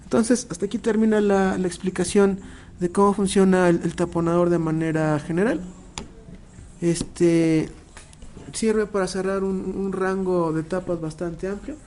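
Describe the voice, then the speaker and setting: A man with a fairly high voice walks clients through how a machine works. He explains patiently but hesitantly, often pausing on filler words and restarting phrases. A faint hum of background noise sits under his voice. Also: steady tone, darkish tone. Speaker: machinery sales demonstrator. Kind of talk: product demonstration to clients.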